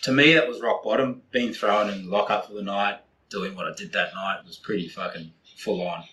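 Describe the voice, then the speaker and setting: Forties New Zealand man, lowish bright voice, blunt and sweary podcast guest telling it straight. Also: steady tone, a little fast, rough recording. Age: 40s. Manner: blunt, heavy swearing, candid storytelling. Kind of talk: casual podcast interview.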